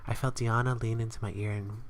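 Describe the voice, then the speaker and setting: A man's voice: fairly low pitch, little pitch movement, a little fast. A man playing through a visual novel, reading the narration aloud and breaking off for joking asides. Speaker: let's player.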